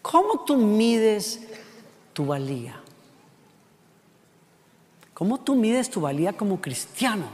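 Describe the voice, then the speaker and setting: A man from Costa Rica preaches a sermon in Costa Rican Spanish, his voice high and his delivery animated, packed with rhetorical questions and small acted-out voices. He speaks slowly and pauses often, and a long hall reverb trails each phrase.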